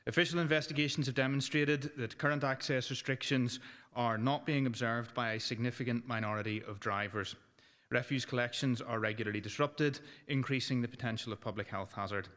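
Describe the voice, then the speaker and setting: A man, a city councillor, reads a residents' petition aloud in a formal, steady way, stumbling over a word now and then. His voice is mid-pitched and echoes with a long reverb around a council chamber. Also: brisk. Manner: formal reading with small stumbles. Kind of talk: reading out a petition.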